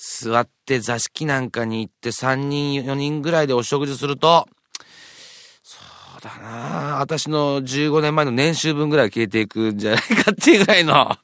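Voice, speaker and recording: A man's voice: mid-range voice, normal speed, a bit bright, no room sound, clean studio sound. A man hosting a radio show in a casual, chatty and jokey presenting style. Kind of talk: casual radio presenting with food and local reports.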